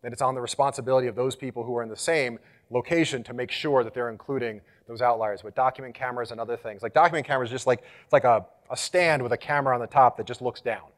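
A man gives a live conference talk in a middle-pitched voice. He is energetic and engaging, and he gets loud and animated as he leads the audience through exercises. He speaks as a presenter working a room. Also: fast talker. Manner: animated, gets louder when rallying the room.

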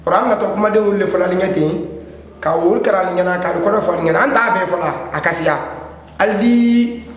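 A man's voice: high-pitched, brisk. A man teaching a literacy lesson, explaining terms step by step and rephrasing them as he switches between French and Maninka. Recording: very echoey hall with faint noise.

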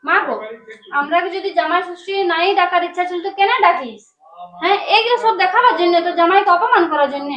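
A very high, very fast woman's voice. a woman playing a young wife in an amateur village comedy drama, indignant and pleading, with a Manbhum Bengali accent. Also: fairly bright tone, dull audio. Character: young wife defending her husband.

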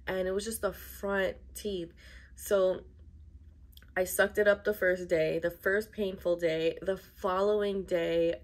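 Speaking to camera from a bedroom, a young adult woman vlogs in a casual, chatty way. Her mid-range voice comes across as emphatic and a bit complaining.

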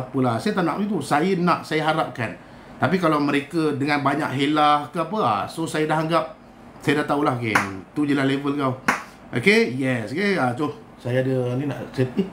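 A man's voice: fairly high pitch, fairly bright tone, a little hiss or hum. Preachy Malaysian man in an echoey room. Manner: preachy, rhetorical, exasperated asides. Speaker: spiritual healer and live streamer. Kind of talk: casual live-stream monologue.

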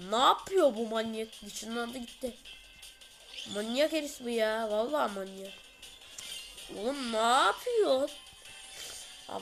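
A woman hosting a gaming channel, giving excited gameplay commentary full of exclamations and chatty asides to viewers. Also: a little high.

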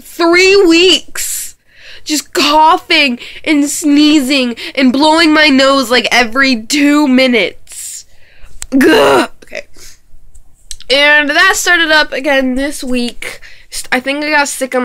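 A woman's voice: sits high, bright, forceful tone. A teenage girl vlogging from her bedroom with a congested, stuffy voice, rambling and joking at her own expense. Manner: rambling, jokey, self-mocking. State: congested from a cold. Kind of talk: casual chat to camera.

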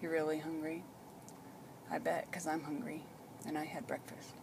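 Creaky-voiced woman chatting in a noisy car. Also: low-pitched, flat delivery, moderate pace. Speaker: caregiver filming a patient. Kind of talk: casual chat. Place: inside a parked car. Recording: clearly noisy in-car recording.

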